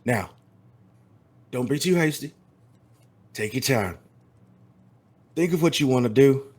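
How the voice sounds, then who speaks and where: A man voicing a menacing vampire biker who speaks in a slow, threatening drawl. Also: mid-range voice, expressive, voice pushed up. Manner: slow drawl, calls people friend and son.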